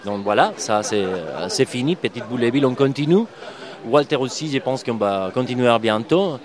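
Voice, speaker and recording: A man's voice: medium pitch, expressive, moderate pace, a crowd in the background. A comic book artist, a man, answering interview questions hesitantly with frequent fillers. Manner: hesitant, frequent fillers, apologizes for his speech.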